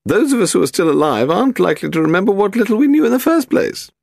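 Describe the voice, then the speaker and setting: A man reading an audiobook voicing a frail, sharp-tongued aristocratic woman in her eighties with a high, imperious voice. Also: sing-song, quick pace, vocal fry, slightly rough, dry recording, studio quality, heavily acted. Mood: grand. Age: 80s.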